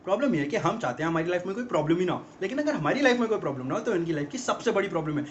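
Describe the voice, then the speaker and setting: A fast-ranting fed-up young guy. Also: high voice, very animated, heavy background noise. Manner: rapid-fire exasperated rant, mocking. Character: exasperated young man ranting about girlfriends. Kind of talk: film comedy monologue. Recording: dull lo-fi film audio.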